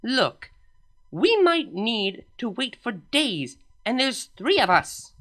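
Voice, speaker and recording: Luna, a woman doing a deadpan pony princess. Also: a little high, slow pace, soft background music, voice pushed up, exaggerated voice. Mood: indignant. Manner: deadpan, matter-of-fact, lightly pompous. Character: blunt deadpan alicorn princess, adult mare, proud.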